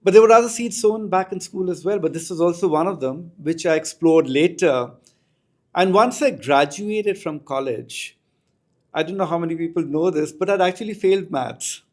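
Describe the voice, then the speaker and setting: On the high side and a little mellow, this middle-aged man's voice moves at normal speed. He has an Indian accent and is a school educator, reflectively and articulately recounting personal anecdotes as a podcast guest.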